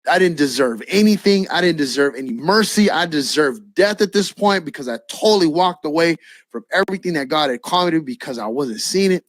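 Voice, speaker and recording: A man preaching his own testimony as a lively storyteller, acting out the dialogue and dropping a casual "man" now and then. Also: a little high, fairly quick, no echo, clean studio sound. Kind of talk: spoken personal testimony.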